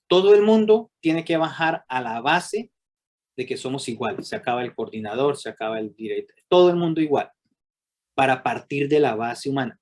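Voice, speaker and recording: Animated man teaching a workshop. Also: mid-range voice. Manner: animated, asks many rhetorical questions; acts out quoted people with raised voice.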